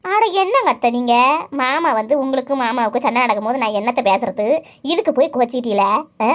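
A woman doing a shrill whiny young daughter-in-law. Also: lively intonation, fast talker, natural voice. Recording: dull lo-fi recording.

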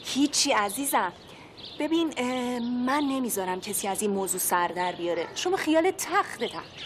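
Lady doing a sly schemer, keeps it hush-hush, faint noise. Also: mid-range voice, big pitch swings, lightly acted. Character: scheming woman, Mino. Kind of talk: TV drama acting.

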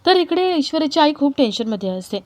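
A woman with a fairly high voice narrates a family drama scene by scene. Her delivery is plain and steady, the style of a scripted recap. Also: fairly quick. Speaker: storyteller.

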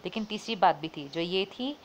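Woman reading an audiobook, lowish voice, steady and even, faint hiss behind. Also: moderate pace. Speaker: audiobook narrator. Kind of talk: scripted novel narration.

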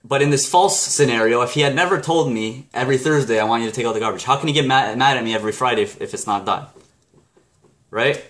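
A Canadian book review vlogger with a mid-range, slightly bright voice talks quickly. In a casual vlog he explains a chapter from a self-help book, rambling and correcting himself along the way.

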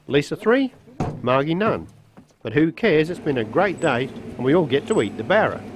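A man's voice: on the high side, big pitch swings, normal speed, noisy background. An Australian man narrating a travelogue as presenter, reading scripted voice-over. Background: music under voice-over.

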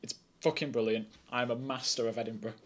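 A young man streaming as an air traffic controller, chatty and excitable between calm, clipped radio instructions. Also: mid-range voice, fairly quick. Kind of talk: casual streaming chat and radio calls.

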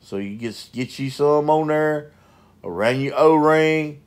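Mechanic guy doing a voiceover on his repair video, folksy, talks real slow. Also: a little high. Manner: folksy, plain-spoken. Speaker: mobile mechanic. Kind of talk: voice-over narration of a repair video.

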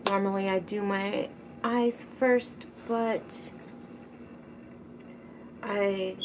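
A middle-aged woman chatting casually at home while doing her makeup, rambling and often sinking to a soft murmur. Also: mid-range voice. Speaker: beauty vlogger. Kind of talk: casual makeup tutorial chat. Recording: noticeable background noise. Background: teenager gaming loudly in the background.

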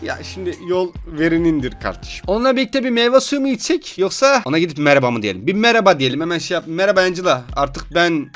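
A young man giving excitable, joking commentary while playing a game, often laughing and exasperated. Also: high voice, fast talker, hardly any pauses. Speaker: gaming YouTuber. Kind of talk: gameplay commentary. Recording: faint game music behind.

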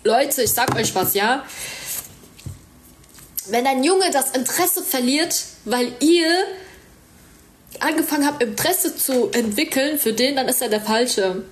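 A woman's voice: high-pitched, lively intonation, a little slow, pauses often, slight background noise. Chatty young woman livestreaming, stuffy-nosed. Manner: chatty, reads and thanks viewers' comments. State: stuffy nose, sore throat. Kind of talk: casual livestream chat.

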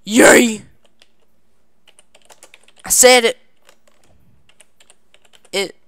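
Woman, casual gameplay commentary, goofy playful phrasing, smooth clear voice, dry close sound. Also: on the high side, extremely slow, dry recording. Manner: excited squealing "yay" cheers and laughter. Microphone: desk microphone.

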